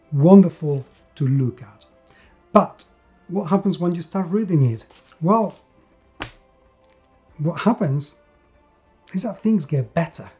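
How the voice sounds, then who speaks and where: Hosting a scripted-sounding video review of tabletop role-playing games, this man speaks with enthusiasm in a fairly high, warm voice, emphasizing points by repeating words.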